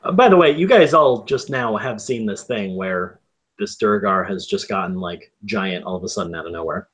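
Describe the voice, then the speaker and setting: A man running a tabletop game as game master, explaining the rules in halting stretches full of ums and restarts. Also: lowish voice, a bit bright, slightly rough.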